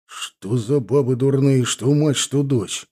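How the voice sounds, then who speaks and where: A man's voice: medium pitch, takes it slowly, darkish tone, breathy edge. A man reading as a stern, irritable father. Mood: irritated. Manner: stern, exasperated questioning. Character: stern middle-aged father, quick to anger.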